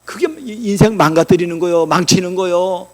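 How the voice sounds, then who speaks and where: A male pastor preaching a sermon in a church, asking the congregation rhetorical questions and swinging between loud declarations and quiet asides. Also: sits high, normal speed.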